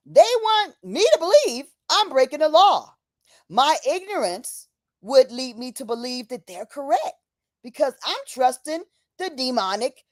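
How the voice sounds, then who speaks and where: Slow, fervent woman livestreaming. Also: high voice, no echo, clean studio sound. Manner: fervent, repeats phrases for emphasis; casual, many fillers, says "y'all". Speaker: livestream host. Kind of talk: impassioned livestream talk.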